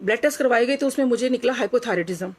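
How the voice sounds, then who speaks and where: A middle-aged woman with a slightly high, breathy voice earnestly shares a personal devotional story at a fairly quick pace. She is reflective, drops into quoted dialogue, and mixes English phrases into her speech.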